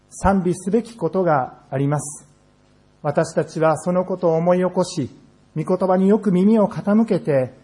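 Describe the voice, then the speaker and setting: A man preaching a sermon in a church, earnest and measured, slowing down on key phrases. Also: on the high side, a little mellow. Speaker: pastor. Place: church sanctuary.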